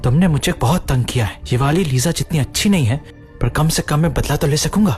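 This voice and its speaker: A man doing a boastful cowardly villain, high voice, swoops up and down, dubbed drama, soft music behind. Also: expressive, fairly quick, lightly acted. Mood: menacing. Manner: sneering, boastful, then whimpering. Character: arrogant young male villain, cowardly when beaten. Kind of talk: Hindi dub of a drama series.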